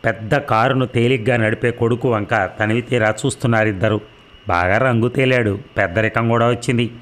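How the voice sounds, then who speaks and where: A man narrating a novel in a steady, measured storybook reading. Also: mid-range voice.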